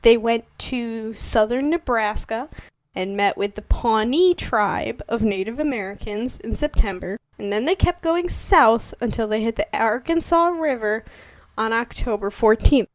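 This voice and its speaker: A playful woman co-hosting a casual history podcast, with a voice a little higher than most. She tells her facts with upbeat energy and laughs easily along the way. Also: expressive, a little slow, rough recording. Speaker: podcast co-host.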